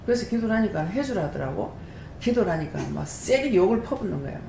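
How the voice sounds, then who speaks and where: A woman, a prayer house director, giving an animated testimony sermon and throwing rhetorical questions to the congregation. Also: quick pace, creaky. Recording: echoey room with faint rumble.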